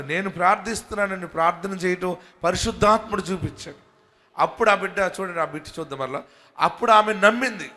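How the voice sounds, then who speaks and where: A man with a Telugu accent preaching a sermon as a pastor, moving from quiet talk to loud fervent shouting. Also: high-pitched. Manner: calls the congregation to say hallelujah. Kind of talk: Telugu sermon with prayer and promises.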